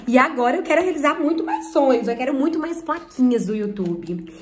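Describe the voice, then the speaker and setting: A woman with a Brazilian Portuguese accent in an excited unboxing vlog, talking breathlessly and nervously, close to tears. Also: high-pitched, a little fast. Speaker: YouTuber and performer. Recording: echoey room.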